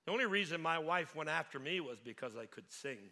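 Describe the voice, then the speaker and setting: A middle-aged man preaching a sermon as pastor, animated and acting out scripture scenes with playful asides. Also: a little high, brisk. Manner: animated, acts out Bible scenes in voices.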